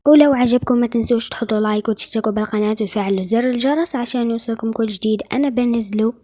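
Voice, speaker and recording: A woman's voice: on the high side, racing, warm tone. A woman with an Egyptian Arabic accent, a YouTuber wrapping up her game video in a chatty, upbeat way. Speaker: gaming YouTuber. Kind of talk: casual video outro.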